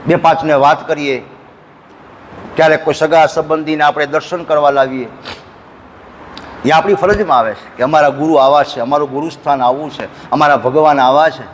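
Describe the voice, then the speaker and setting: A man preaching a devotional sermon at an ashram, telling folksy stories and breaking into slow sung verses. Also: fairly high pitch, steady tone, long reverb tail, a little hiss or hum. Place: ashram hall.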